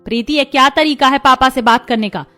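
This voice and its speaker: A woman's voice: fairly high pitch, lively intonation, normal speed. A woman voicing a strict but caring middle-aged mother-in-law in a cartoon, with a commanding, scolding manner.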